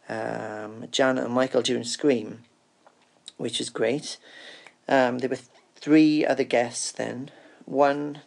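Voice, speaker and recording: A man gives an informal, first-person event report. His pitch is average and moves very little, staying flat and even. A noticeable creak runs through his voice. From Cardiff, UK. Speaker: roving reporter.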